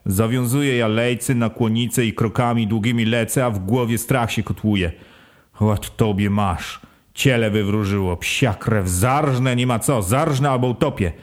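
A man's voice: medium pitch, normal speed, hardly any pauses. A man reading an audiobook as a first-person storyteller, in an earthy, rustic folk style. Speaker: audiobook reader.

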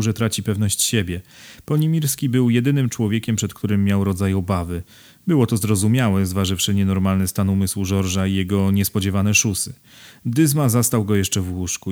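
A man reading a novel aloud as narrator in a steady, measured way. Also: lowish voice. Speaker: audiobook narrator. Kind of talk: scripted narration.

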